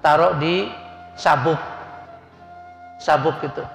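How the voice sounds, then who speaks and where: A man's voice: a little high, takes it slowly, gravelly. A middle-aged man preaching as a hajj guide, folksy and chatty, acting out the people in his stories. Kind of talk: sermon with storytelling. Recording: echoey hall with faint music.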